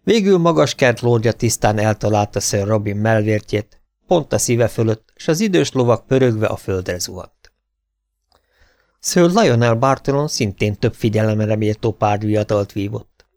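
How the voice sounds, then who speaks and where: A man narrating a fantasy audiobook in a steady, measured storytelling manner. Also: on the low side, no room sound, studio quality. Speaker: audiobook reader.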